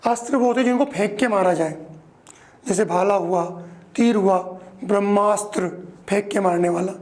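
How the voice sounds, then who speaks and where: A male teacher gives a grammar lesson, explaining slowly, repeating each word and often checking in with the class. His voice sits high with a darkish tone.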